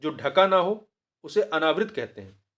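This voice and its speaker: A man with a somewhat raised voice works through a test paper question by question. He explains each answer and then says the key word again, slowly and clearly. Now and then he breaks off mid-word to correct himself. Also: on the high side, lively intonation. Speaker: exam prep teacher.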